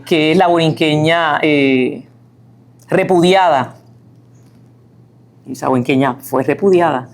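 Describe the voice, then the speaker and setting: A woman speaks as a guest author, her voice sitting a little on the low side. She talks in a loose, lecturing way, full of restarts and little tag questions, and now and then hums or sings a line to show what she means. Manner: chatty, many fillers and restarts, tag questions; sings and hums lines of a song to illustrate. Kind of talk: lecture-style talk.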